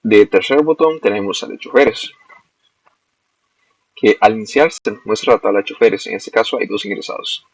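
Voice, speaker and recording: A young man, a student walking through a screen-recorded software demo step by step and correcting himself as he goes. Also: on the low side, animated, normal speed, husky, no echo. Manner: explains step by step, self-corrects. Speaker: student presenting a project. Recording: dull, lo-fi dry recording.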